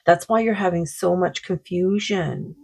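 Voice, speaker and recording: A woman doing a tarot card reading, talking in a slow, meandering way, her throat sore. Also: on the low side, creaky, a little mellow, husky, poor audio. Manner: slow, meandering, full of likes and you-knows. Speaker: psychic card reader.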